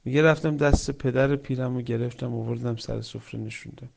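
A man preaching a sermon with stories, swinging between loud emphatic lines and soft hushed ones, reciting Quranic verses. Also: medium pitch, fairly even intonation, creaky. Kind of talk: religious sermon with storytelling.

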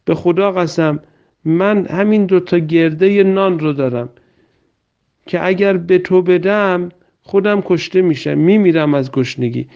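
A man's voice: high-pitched, gravelly. A man voicing a poor, frightened old widow in a religious story, pleading with a stranger. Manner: pleading, then wailing in grief. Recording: dull lo-fi recording.

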